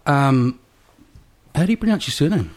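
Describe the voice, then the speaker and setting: A Kiwi-accented man from New Zealand hosts a relaxed interview podcast in his small rented studio, rambling and restarting often. He speaks at normal speed with a higher voice and big swings in pitch.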